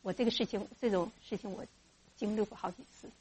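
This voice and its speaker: A fast-talking woman with a mid-range voice teaches mothers in church how to raise children in faith, acting out parent and child voices in a lively way. A little hiss or hum can be heard.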